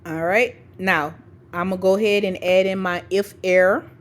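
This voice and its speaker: A spreadsheet tutorial instructor for educators records a screencast voice-over, teaching step by step and dictating formulas piece by piece. Informal, she checks in often with "okay" and "right." Her mid-range voice has fairly even intonation and a moderate pace.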